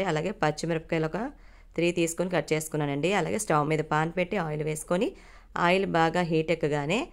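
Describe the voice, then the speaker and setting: A woman hosting her cooking channel, casually narrating a recipe step by step in a friendly, polite way. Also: sits low.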